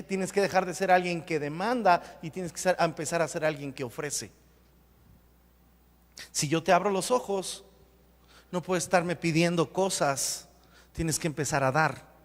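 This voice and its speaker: A man preaching a sermon as pastor, emphatic and repetitive, with sudden loud bursts. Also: high voice. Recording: long hall reverb.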